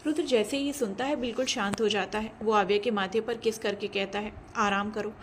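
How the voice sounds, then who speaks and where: A woman storyteller giving steady, scripted narration of a romance audio story. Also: medium pitch, a little fast, a little hiss or hum.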